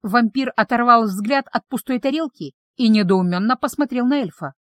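A woman reading a fantasy story aloud as narrator, in calm, even storytelling. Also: a little high, normal speed, dry recording. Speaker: audiobook narrator. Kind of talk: scripted narration.

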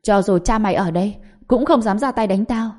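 A woman's voice: mid-range voice, brisk, warm tone, close to an everyday voice. A woman voicing a proud male clan elder over eighty, harsh and scornful, in a spoken story. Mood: angry.

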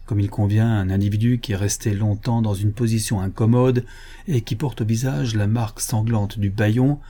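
Husky, dark-toned male narrator. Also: lowish voice, fairly even intonation, moderate pace. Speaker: audiobook reader. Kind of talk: scripted first-person narration.

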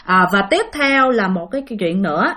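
Lively woman telling ghost stories. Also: mid-range voice, moderate pace. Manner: chatty and animated, with many fillers. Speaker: storyteller. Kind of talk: spoken ghost-story narration.

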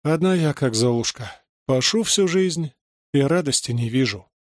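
A man voicing an overworked village mother who complains bitterly and shouts in panic at her children. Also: lively intonation, moderate pace, no echo, clean studio sound, close to an everyday voice. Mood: grumbling self-pity. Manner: shrill, self-pitying, shouting. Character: harried overworked village mother, shrill and frantic.

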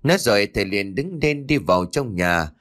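A man narrating a ghost story in a steady storytelling manner. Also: lowish voice, fairly quick. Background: faint music.

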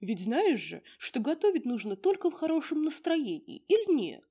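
A woman's voice: high-pitched, sing-song, moderate pace, warm tone, pitched above the performer's own voice. A woman doing a blustering little male house spirit. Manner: blustering, scolding. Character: small grumpy male mushroom-like house spirit.

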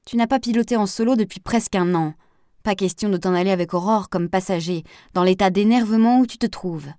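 A woman voicing a confident male helicopter instructor who gives calm, firm, affectionate instructions in an audiobook. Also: mid-range voice, a little fast, dry recording, close to an everyday voice. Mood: firm, reassuring. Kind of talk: audiobook character voice.

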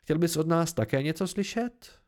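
A man's voice: a little high, lively intonation, a little mellow, lightly acted. A man voicing a courteous male traveling performer in an audiobook reading.

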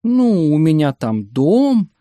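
A man's voice: fairly high pitch, sing-song, unhurried, darkish tone, no echo. A man doing a wary, pudgy clinic boss. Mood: guarded. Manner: cautious, guarded. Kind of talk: audiobook character reading.

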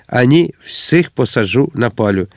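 A man reading aloud voices a furious, arrogant nobleman cavalry officer who shouts threats and commands. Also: medium pitch, animated, a little slow, no echo, clean studio sound.

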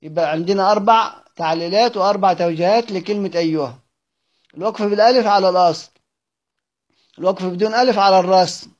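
A man with an Egyptian accent teaching a class, reading from a text and explaining each point step by step, asking questions and answering them himself. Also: sits high. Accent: Egyptian Arabic. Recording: muffled lo-fi recording.

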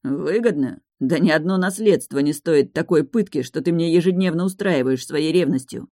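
A woman's voice: deep voice, moderate pace, warm tone, dry recording, studio quality. A woman voicing a stern, weary young duke who speaks in cold, clipped tones. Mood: stern, steely.

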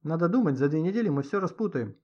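A man's voice: a little high, animated, fast talker, pitched above the performer's own voice. Man doing a brash bossy teen boy. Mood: cocky, brash. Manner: cocky, blunt, slangy. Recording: dull lo-fi audio.

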